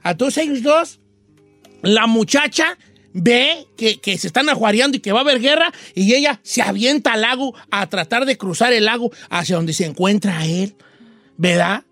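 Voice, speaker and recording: A man with a Mexican accent tells a comic legend to his friends. He talks playfully and animatedly, with plenty of fillers. His voice sits high for a man. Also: expressive, normal speed, fairly bright tone, no echo, faint music behind. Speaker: storyteller. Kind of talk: casual comic storytelling among friends.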